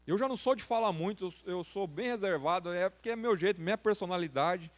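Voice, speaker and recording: A Brazilian man in his thirties preaches to young people, informal and full of slang. His voice sits high for a man, and he talks straight at his listeners. He sounds like a reserved man pushing himself to exhort. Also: quick pace. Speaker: youth preacher. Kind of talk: sermon.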